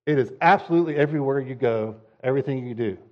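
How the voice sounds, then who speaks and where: A man's voice: medium pitch, fast, highs cut off. Conversational man preaching a sermon. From United States. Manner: conversational preaching, acting out whiny quotes. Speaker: pastor.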